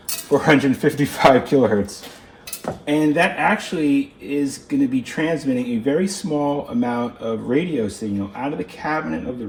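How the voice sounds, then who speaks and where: Inspecting gear on his hands-on electronics video, a man thinks out loud in loose, unscripted commentary that sometimes trails away. His medium-pitched voice is a little mellow, and room ambience and background noise are clearly heard.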